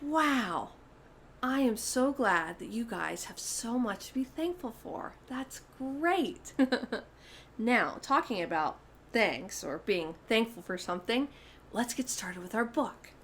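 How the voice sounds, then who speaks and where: A woman hosts a storytime for young children, reading aloud with expression and addressing her listeners directly. She has a somewhat high, fairly bright voice that is animated yet unhurried, and there's slight background noise.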